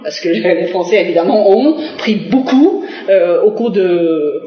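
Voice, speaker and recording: A Korean woman diplomat gives answers in a TV interview, her lowish voice animated yet measured in pace. She is hesitant, using many fillers and restarts. The broadcast audio is echoey, dull and lo-fi.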